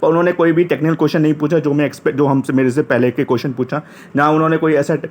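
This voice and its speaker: Young man, slightly high pitch, from Uttar Pradesh; casual first-person storytelling, chatty, self-correcting. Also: fairly even intonation, very fast. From Uttar Pradesh, India. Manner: chatty, retells dialogue, frequent restarts. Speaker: interview candidate recounting experience.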